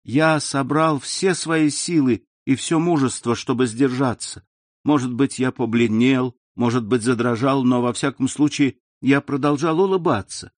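A man reading a classic novel aloud in a measured, expressive way. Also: medium pitch, no room sound, clean studio sound. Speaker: audiobook reader.

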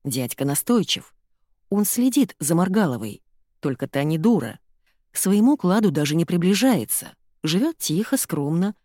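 A woman's voice: on the low side, big pitch swings, moderate pace, mellow, no echo, studio quality. A woman reading a novel aloud as an audiobook narrator, telling the story expressively. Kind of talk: scripted narration.

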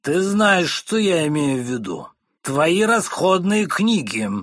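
A man voicing a blustering, bullying middle-aged husband who barks slow, heavy commands in an audiobook. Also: mid-range voice, big pitch swings, a bit bright, husky, dry recording, clean studio sound, heavily acted.

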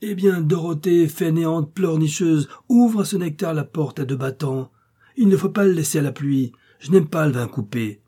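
A man voicing a furious, drunken middle-aged carpenter who shouts at his daughter. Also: mid-range voice, moderate pace, hardly any pauses, slightly rough. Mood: bullying. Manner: shouting, raging.

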